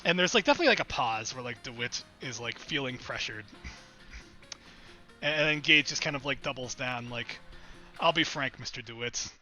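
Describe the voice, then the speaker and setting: A man's voice: mid-range voice, animated, brisk, bright, forceful tone, faint music behind. A man narrating as game master in a rambling, filler-heavy way.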